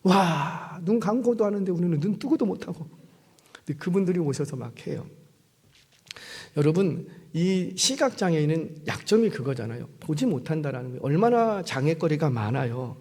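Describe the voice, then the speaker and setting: Animated high-voiced pastor preaching. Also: male voice, moderate pace, husky. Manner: animated storytelling, acting out voices and questioning the congregation. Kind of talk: sermon. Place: church sanctuary. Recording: long hall reverb.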